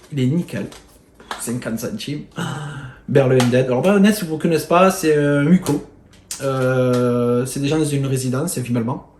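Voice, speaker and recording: A man with a Marseille accent, chatting casually to camera about his bargain finds, excitable and rambling with lots of fillers and mild swearing. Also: mid-range voice. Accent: Marseille French. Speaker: video host showing flea-market finds. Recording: echoey room with faint noise.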